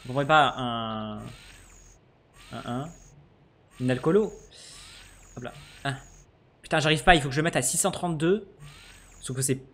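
A man giving casual let's-play commentary, swearing freely and swinging between low mutters and sudden excited shouts. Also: a little slow, long pauses. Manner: swears casually, jokey asides. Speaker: gaming streamer.

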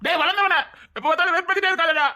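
A man's voice: extremely high pitch, quick pace, pushed and bright, heavily acted. An actor with a Tirunelveli Tamil accent playing a jilted young man who whines and stubbornly refuses to accept his loss in a comedy sketch. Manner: whiny, defensive. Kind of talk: comic sketch banter.

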